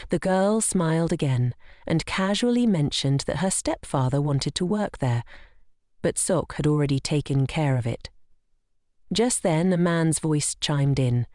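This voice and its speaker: A woman narrating a comic story recap in an even, steady, scripted storytelling manner. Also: deep voice, no room sound, studio quality.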